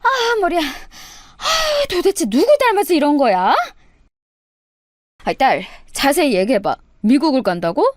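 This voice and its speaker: A fretful middle-aged mother who nags and scolds, put on by a woman narrating. Her voice sits high and swings widely as she fusses. The sound is close and dry, with no room around it. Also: sing-song, normal speed, no room sound. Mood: exasperated. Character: exasperated middle-aged Korean mother, nagging.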